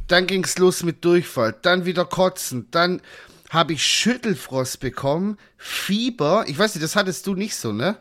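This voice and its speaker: A man co-hosting a podcast, telling stories in a casual chat with an animated, ranting delivery full of slang and swearing. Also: sits high, unhurried. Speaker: podcast co-host.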